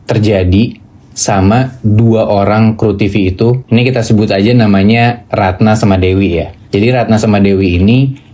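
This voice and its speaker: Young guy, casual horror storyteller, slangy and animated, with a mellow, dark-toned voice. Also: on the low side, moderate pace. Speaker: storyteller host.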